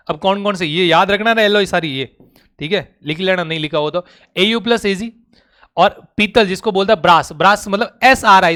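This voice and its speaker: Male teacher, high-pitched voice, runs a rapid question-and-answer drill and coaxes his students to answer. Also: a bit bright, clean tone. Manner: coaxing, calls students "beta". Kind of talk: classroom lecture.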